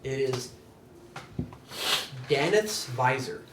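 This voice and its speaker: A man running a tabletop game as game master, describing things off the cuff and thinking aloud haltingly. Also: medium pitch, animated, recorded from a distance, heavy background noise. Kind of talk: unscripted tabletop game narration. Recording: echoey room, off mic, music behind.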